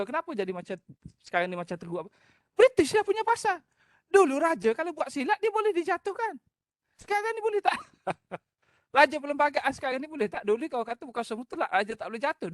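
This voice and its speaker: Animated Malaysian history lecturer, dry sound. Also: medium pitch, dry recording. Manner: animated, rhetorical, often prompting listeners with "eh?" and "ha?". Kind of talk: university-style lecture.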